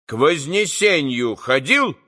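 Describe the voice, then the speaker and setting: A man's voice: a little high, lively intonation, a little slow, bright, forceful tone, pitched above the performer's own voice. A man reading an audiobook, voicing a cocky, mischievous schoolboy who speaks curtly and with self-importance. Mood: stern. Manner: curt, superior.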